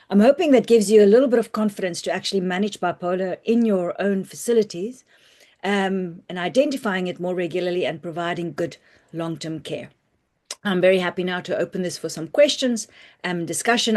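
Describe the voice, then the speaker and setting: Hoarse woman doctor teaching online. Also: mid-range voice, darkish tone. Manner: practical, reassuring, loose and conversational with many "um"s. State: hoarse, croaky voice with coughing. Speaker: family physician presenting a webinar. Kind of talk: online medical teaching talk. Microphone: computer mic on a video call.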